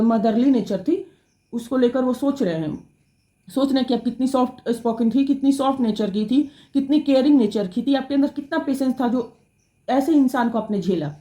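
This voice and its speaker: A woman gives a fast tarot reading straight to her viewers, often correcting herself as she goes. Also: sits high, warm tone, roomy sound. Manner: rapid, self-correcting, addresses viewers directly. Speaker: tarot reader.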